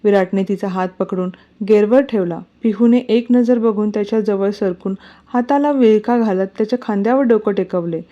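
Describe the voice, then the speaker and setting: A woman narrating a story in a steady, even reading voice. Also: medium pitch, moderate pace, muffled recording.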